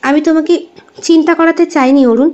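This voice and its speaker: A woman voicing a hot-tempered young woman in an audio story, sharp in anger and pleading when troubled. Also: high-pitched, fairly even intonation, fairly quick, pitched above the performer's own voice, natural voice. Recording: dull lo-fi recording.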